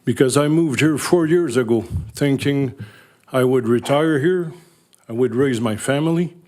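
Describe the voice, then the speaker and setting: An older man from Northern Ontario, Canada, whose first language is French, addresses a town council during public comment. His medium-pitched, somewhat dark voice is unhurried, and he speaks earnestly and bluntly with a French Canadian accent.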